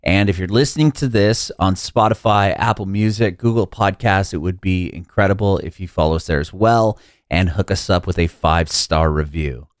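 Man, podcast host, low voice, dry close sound, relaxed, laughs a lot. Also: normal speed, dry recording. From San Diego, USA. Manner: easygoing, laughs often. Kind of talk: casual interview chat. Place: video call. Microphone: video call mic.

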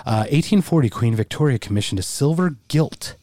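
Male podcast host, very lively pitch, profane banter, casual delivery, close dry sound. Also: brisk, no echo. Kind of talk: casual chat.

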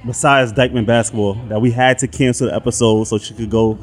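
A man's voice: medium pitch, fairly even intonation, a little fast. A man hosting a casual interview, with short affirming replies and easy questions. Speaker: host.

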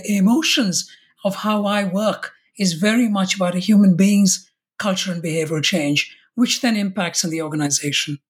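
Speaking with a breathy edge at a medium pitch, an Indian woman reflects aloud as a podcast interview guest. Her talk is conversational, full of restarts and self-corrections.

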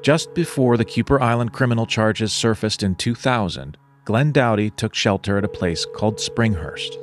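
A male podcast host reading scripted narration in a measured, serious way. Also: on the low side, faint music behind.

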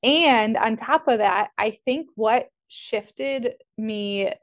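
A woman's voice: on the high side, extremely slow. A young woman in an interview, earnestly and reflectively sharing how her faith guided a career decision. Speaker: coaching student, nutrition business owner. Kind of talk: faith-based interview conversation.

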